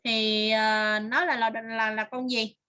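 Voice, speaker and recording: A woman's voice: on the high side, little pitch movement, slow pace, pushed and bright. A woman teaching English to a child online, patiently repeating words and praising answers.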